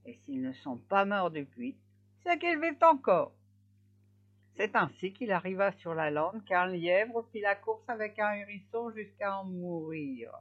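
A woman reading a fairy tale aloud in an expressive way, slowing down for effect. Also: medium pitch. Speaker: storyteller. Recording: slightly dull lo-fi recording.

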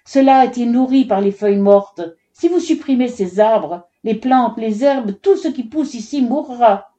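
A woman's voice: a little high, normal speed, warm tone, lo-fi sound, voice pushed up, close to an everyday voice. A woman reading a storybook, voicing an old village aunt who gathers herbs and tries to reason with the men. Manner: patient, reasoning.

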